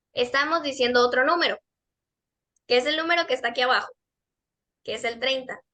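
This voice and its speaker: High, bright-voiced woman teaching pronunciation. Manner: patient, explains step by step and repeats model words. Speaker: English teacher. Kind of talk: pronunciation lesson for kids and teens.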